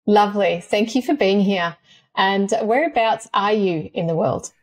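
A woman's voice: mid-range voice, a little slow. A woman in her forties hosting a podcast interview, earnest and thankful toward her guest, speaking on a video call. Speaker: podcast host. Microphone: headset and desk mic on video call.

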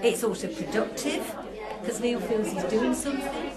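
A woman's voice: a little high, normal speed, over a noisy crowd. An older woman in her sixties, speaking earnestly and candidly in an interview from her living room, recorded by a far camera. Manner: earnest and candid, coaxing her husband with rising questions. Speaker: carer of her husband. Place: living room of a home, seated on a sofa.

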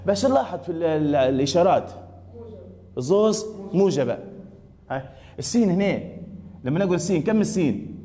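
A male math teacher with a Libyan Arabic accent runs a classroom lesson, firing questions at students and repeating their answers. His voice is dark and mellow, a little high for a man, and he talks fast. A long echo hangs in the room. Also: animated, slight background noise.

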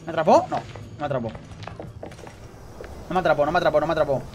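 A man doing live gameplay commentary, excitable, repeating phrases rapidly and talking straight to his chat. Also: on the high side, soft background music. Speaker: gaming streamer.

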